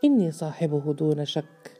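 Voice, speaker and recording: A rattled cobbler caught between bluster and dread, voiced by a woman reading aloud. The voice is low and very dark, with faint music in the background. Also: lively intonation, moderate pace. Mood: angry. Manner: sharp then pleading, shaken. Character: frightened cobbler man clinging to his fortune.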